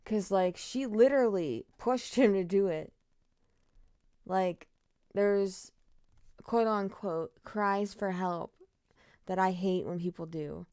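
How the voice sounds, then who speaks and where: A woman's voice: medium pitch, slow, long pauses, mellow, clean tone, no room sound. A woman streamer giving casual reaction commentary, blunt and angry, swearing freely. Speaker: streamer reacting to trial footage.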